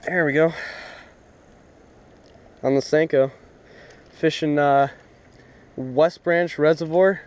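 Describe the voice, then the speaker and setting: A man's voice: on the high side, takes it slowly, long pauses, clear, resonant tone. A young man filming himself fishing from a lakeshore, chatting casually with lots of fillers. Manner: relaxed, rambling with fillers. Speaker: fishing vlogger. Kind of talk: casual outdoor commentary. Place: lakeshore outdoors. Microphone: head-mounted action camera.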